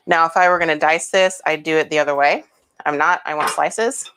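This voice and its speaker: A woman's voice: low-pitched, fairly even intonation, fairly quick, a bit bright, a little hiss or hum. A woman hosting a home cooking demonstration, explaining each step in a chatty, homey way with casual asides. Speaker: cooking show host.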